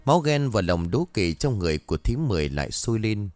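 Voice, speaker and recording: A man reading a ghost story in a dramatic, expressive way. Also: lowish voice, quick pace, no echo. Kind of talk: scripted ghost-story narration.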